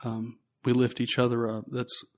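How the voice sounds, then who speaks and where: Earnest man hosting, flat voice. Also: medium pitch. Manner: earnest, emotional, halting. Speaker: podcast host. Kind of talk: casual interview.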